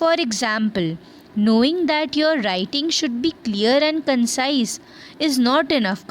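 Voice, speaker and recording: A woman teaching a vocabulary lesson, explaining in Hindi and slowing right down to read English example sentences, often checking in with her listeners. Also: a little high, a little hiss or hum.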